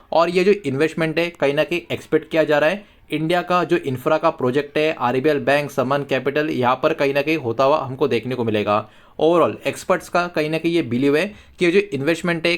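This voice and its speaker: A man with an Indian accent presenting market news as an explainer, going point by point. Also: on the high side. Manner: repetitive hedging catchphrases, point-by-point explaining. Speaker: finance news YouTube host.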